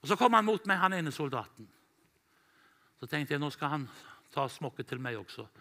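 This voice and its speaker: A man from Norway, an evangelist, telling a story in a church sermon, animated and quoting himself and others. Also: a little high. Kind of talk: sermon testimony.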